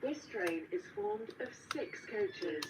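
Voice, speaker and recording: A woman voicing an automated station platform announcement, slow and formal. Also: medium pitch, animated, distant mic, background noise. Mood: announcing. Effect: station platform announcement over a speaker.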